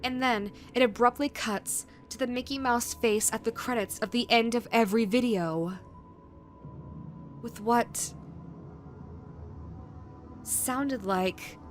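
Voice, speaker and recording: A woman reading a scripted creepypasta horror narration in a measured way, with dramatic pauses. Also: a little high. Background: background music.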